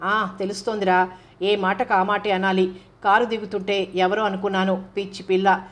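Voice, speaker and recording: A woman's voice: mid-range voice, flat delivery, moderate pace, natural voice. A woman voicing an affectionate elder sister who scolds her younger brother in an audiobook novel. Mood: reproachful. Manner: reproachful, teasing.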